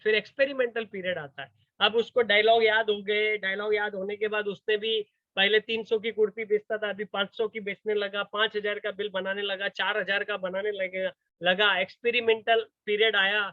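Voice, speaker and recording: A man's voice: sits high, dry recording, phone-quality sound. A man giving a storytelling motivational talk, acting out the voices of the people in his story. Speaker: motivational speaker.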